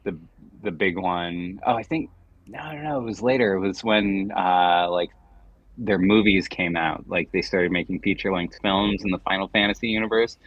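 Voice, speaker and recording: A middle-aged man co-hosting a casual gaming livestream, rambling with halting, repeated words as he chats and reads game text aloud. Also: deep voice, steady tone, no echo, muffled recording. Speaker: livestream co-host.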